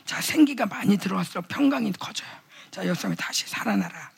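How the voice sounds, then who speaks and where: A woman's voice: medium pitch, expressive, fairly quick, vocal fry, slightly rough. A middle-aged woman preaching a casual, chatty sermon to young adults, acting out quoted voices and rising to fervent exhortation. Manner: acts out quoted voices and mutters asides. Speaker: pastor's wife preaching at a youth revival.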